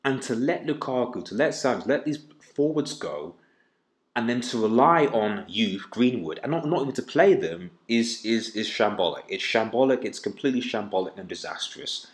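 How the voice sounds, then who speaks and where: A man's voice: medium pitch, expressive, normal speed. A man hosting a fan channel, giving a frustrated, emphatic post-match reaction and repeating words for stress. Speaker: football fan channel host. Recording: echoey room.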